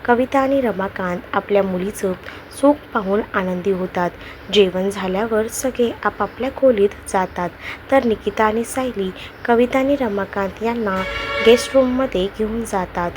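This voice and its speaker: A woman narrating a love story in a steady, even reading voice. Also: mid-range voice, normal speed, a little hiss or hum, rough recording.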